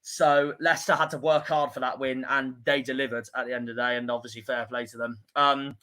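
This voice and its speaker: A man's voice: mid-range voice, little pitch movement, a little fast, pushed and bright. A young man hosting a casual football fan stream, talking loosely with lots of filler. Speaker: host. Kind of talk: football fan podcast chat.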